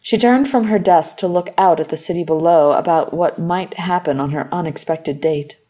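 A woman narrating an audiobook story in a measured, even manner. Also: fairly low pitch. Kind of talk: scripted narration.

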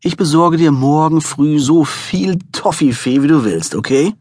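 Brief: groggy, exasperated expectant father, husky voice, read by the narrator himself. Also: a little high, expressive, measured pace, a little mellow, no echo, studio quality, voice pushed up. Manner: flustered, exasperated. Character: sleepy, harried expectant father, young man.

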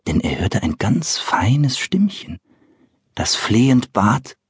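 A man's voice: medium pitch, wildly swooping pitch, slow, slightly rough, dry recording. A man narrating a children's storybook, speaking directly to young listeners in a playful way on a close mic. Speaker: audiobook narrator.

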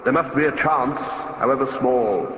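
A man voicing Death, a solemn, implacable robed spectre, deadpan and literal-minded, with a hollow reverb effect, in an audiobook. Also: mid-range voice. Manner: deadpan, unhelpful, slow and weighty. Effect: long hollow reverb on the voice. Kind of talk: audiobook character voice. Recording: cavernous reverb, muffled top end.

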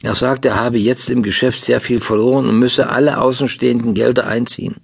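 A man voicing a kind, hardworking young weaver in an audiobook, speaking in a friendly, helpful way with a gravelly, husky voice. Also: mid-range voice, steady tone, fairly quick. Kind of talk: audiobook dialogue.

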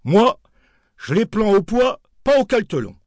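A man's voice: high voice, very animated, unhurried, darkish tone, no room sound, studio quality, voice pushed up. A man voicing a jovial male wholesale fruit buyer who banters playfully at a market, in a storybook reading. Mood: teasing.

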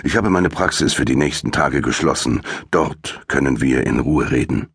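A man doing a loud, blustering greying doctor. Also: expressive, moderate pace, husky, dry recording, studio quality, full character voice. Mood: serious. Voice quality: loud, booming. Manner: uneasy and urgent.

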